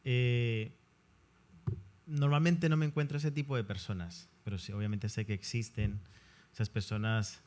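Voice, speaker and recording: Measured male priest. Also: lowish voice, steady tone, darkish tone. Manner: measured, thoughtful, pauses with fillers. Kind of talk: conversational discussion.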